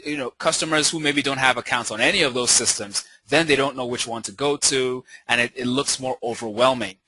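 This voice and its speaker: A man's voice: mid-range voice, a little fast, sharp tone, poor audio. A man presenting on a marketing webinar, explaining things in an upbeat, casual way.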